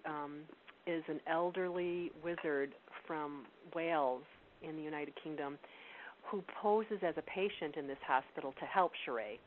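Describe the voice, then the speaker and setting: Woman, author guest, measured with ums, reading aloud, tinny phone line, faint hiss. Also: sits low. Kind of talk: interview and reading from her novel.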